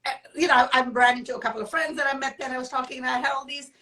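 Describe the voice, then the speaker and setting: High-voiced chatty woman co-hosting a live chat. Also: steady tone, racing, sharp tone, low-quality recording. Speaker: co-host of a live talk show. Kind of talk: casual chat on an Instagram live stream. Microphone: phone.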